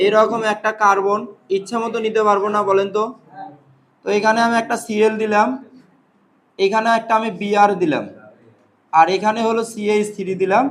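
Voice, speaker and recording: A man with a high voice teaches a chemistry class, firing short questions at the students and repeating every answer back in a drill. A faint hiss of room noise sits under his voice. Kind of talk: classroom lecture with call-and-response questions.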